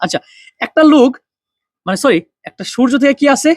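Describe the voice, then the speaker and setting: Fast-talking young male physics tutor. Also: very high-pitched, lively intonation, no echo, clean studio sound. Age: young adult. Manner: quick, drills students with repeated questions and answers. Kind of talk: online physics lesson.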